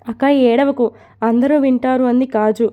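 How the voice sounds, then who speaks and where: A woman voicing a caring younger sister who calmly reassures her older sister. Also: on the high side, moderate pace, narrow, tinny audio, lightly acted. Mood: reassuring. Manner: reassuring, persuasive.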